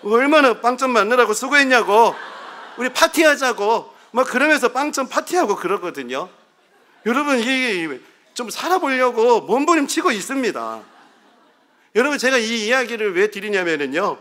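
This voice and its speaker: A man's voice: extremely high pitch, sing-song, normal speed, pushed and bright. A middle-aged male pastor preaching a sermon, telling humorous, self-deprecating stories to his congregation.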